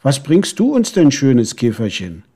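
A man's voice: mid-range voice, wildly swooping pitch, a little slow, dark tone, slightly rough, exaggerated voice. A man voicing a firm but kind motherly neighbor beetle, in a storybook reading.

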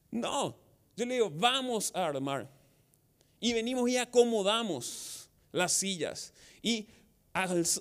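A man with a Paraguayan Spanish accent preaching a sermon as pastor, asking the congregation rhetorical questions and acting out quotes. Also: high voice. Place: outdoor church service.

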